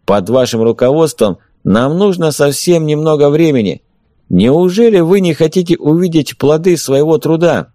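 A slick enemy envoy calling out in a raised, high, sugary voice, as a man reading an audiobook puts him on. His pitch swoops widely while he coaxes, recorded dry and close. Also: lively intonation, moderate pace, no room sound, close to an everyday voice. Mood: persuasive. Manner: ingratiating, calling out loudly. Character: smooth-talking male enemy envoy, coaxing and insincere. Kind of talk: audiobook character voice.

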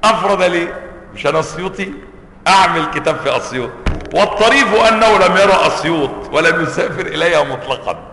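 A man with an Egyptian accent teaching a religious lesson, his voice high and bright. He reads from a classical text and stretches words out for emphasis. Long reverb from a roomy hall trails behind him. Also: animated, fast talker, slight background noise. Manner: stretches words for emphasis, switches to colloquial asides. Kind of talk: religious lesson, reading a book aloud and explaining it.

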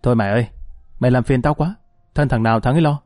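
A man plays a worn-out prisoner who brushes others off with short, irritated replies. Mellow tone, dry and close. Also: medium pitch, racing, no room sound, faint music behind, close to an everyday voice. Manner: curt, snapping. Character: weary, irritable male prisoner.

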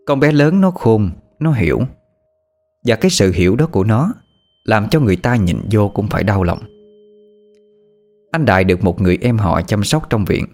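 A man reading a sad story aloud in slow, mournful scripted narration. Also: lowish voice, animated, a little mellow. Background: faint music.

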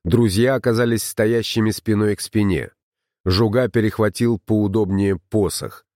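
A man reads an adventure tale in a low voice and a steady storytelling manner. The recording is dry and close, with no room sound. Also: moderate pace, dry recording. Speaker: narrator. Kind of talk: audiobook narration.

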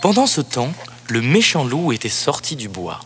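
Guy reading a kids story tape, animated swoopy voice, music playing under him. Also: medium pitch, moderate pace. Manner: lively, expressive read-aloud with swooping emphasis. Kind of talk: storybook cassette narration. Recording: cassette narration over background music.

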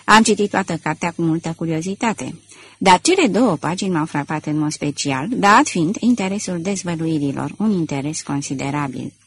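A woman narrator plays a frightened aristocratic mother who halts and stumbles over her words. The tone stays husky and a little low. It is a storybook reading. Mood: anxious.

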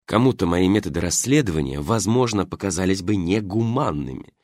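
A man narrates a first-person story expressively, with a low voice. His intonation rises and falls a great deal. The recording is dry and close with no room echo. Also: lively intonation, a little fast, a little mellow. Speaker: audiobook narrator.

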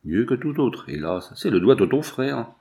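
A man reading aloud, voicing a grief-stricken elderly general who laments in a lower, shaken voice. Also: very animated, moderate pace, dark tone. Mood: anguished.

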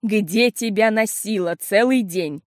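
A woman's voice: mid-range voice, lively intonation, brisk, no room sound, clean studio sound, lightly acted. Woman voicing an earnest worried mother. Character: worried, steady mother of three girls. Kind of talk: audiobook character voice.

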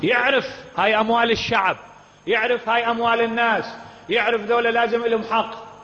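A man's voice: extremely high pitch, flat delivery, fast, pushed and bright. A man with an Iraqi accent preaching an impassioned mourning sermon, firing off rhetorical questions at the gathering. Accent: Iraqi Arabic. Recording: dull, reverberant hall recording.

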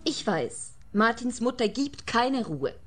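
An actress playing a composed, charming younger widow in a radio play. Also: female voice, fairly high pitch, sing-song, slow, soft background music. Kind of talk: scripted radio play acting.

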